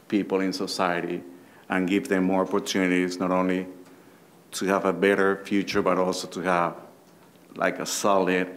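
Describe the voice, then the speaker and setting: A man from Venezuela with a Venezuelan Spanish accent, speaking haltingly as a panelist in a conference room. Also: deep voice, a little hiss or hum. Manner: halting, searching for words. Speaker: panelist, teacher. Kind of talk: panel discussion.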